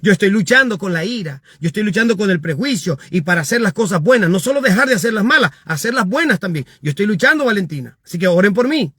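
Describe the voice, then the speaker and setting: A man, a pastor, preaching emphatically and reading out viewer comments, rising to shouts on his key points. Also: sits high, very animated, quick pace, hardly any pauses, breathy edge, dry recording, studio quality.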